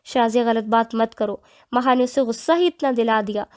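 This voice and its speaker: Woman voicing middle-aged mother-in-law, patient, calm coaxing tone, storybook reading. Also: on the high side, close to an everyday voice.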